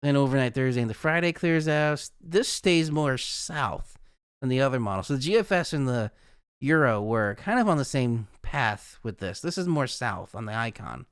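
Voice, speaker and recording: Male weather host for a live stream, animated and smooth, talks on freely in a casual way. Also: medium pitch, moderate pace, no room sound, clean studio sound. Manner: chatty, rambling, laughs at his own jokes. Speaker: weather forecaster hosting a livestream.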